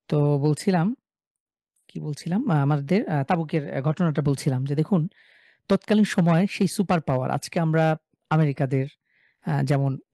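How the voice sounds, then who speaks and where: A man's voice: a little high, dry recording. Man from bangladesh giving an online quran lesson, dry close sound, lots of "uh" fillers. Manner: explains in a relaxed way with many fillers, chants example syllables slowly. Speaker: Quran recitation teacher.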